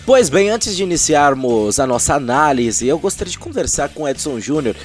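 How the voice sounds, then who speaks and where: A man's voice: a little high, sing-song, normal speed, faint music behind. A Brazilian man hosting a sports radio show, sounding a bit hungover as he presents.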